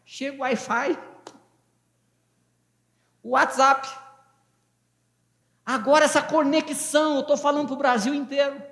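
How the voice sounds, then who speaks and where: A man in his fifties from Brazil, a pastor preaching a fervent, folksy sermon and joking with his congregation. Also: very high voice. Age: 50s. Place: church hall. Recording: echoey church hall with long reverb.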